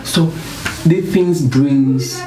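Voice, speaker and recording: A Ugandan man, a guest in a motivational discussion, speaks earnestly and stacks up points for emphasis. His slightly high voice swings hugely in pitch and he draws out his words. The echoey room has a distant mic, faint noise, and a crowd in the background.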